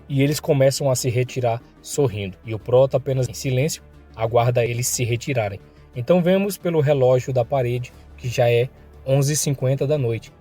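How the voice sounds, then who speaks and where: Mellow-voiced Brazilian man narrating a recap. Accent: Brazilian Portuguese. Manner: voices thug dialogue with rising pitch and force.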